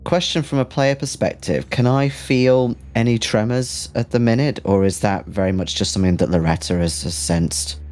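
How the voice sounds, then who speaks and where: A man's voice: fairly low pitch, moderate pace, few pauses, darkish tone. A man playing a tabletop role-playing game, talking earnestly with small restarts as he explains his character's moves. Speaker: player.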